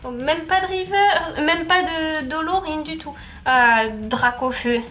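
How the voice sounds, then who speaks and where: A woman's voice: high voice, slow, sharp tone, faint music behind. A woman YouTuber giving casual, chatty commentary as she opens card packs, reading off card names and laughing often.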